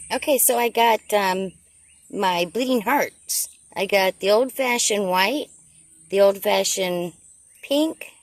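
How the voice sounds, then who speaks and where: A woman's voice: mid-range voice, dry recording. A woman narrating a casual garden vlog outdoors, thinking aloud as she works. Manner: chatty, thinking aloud while working. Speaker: gardener filming her garden.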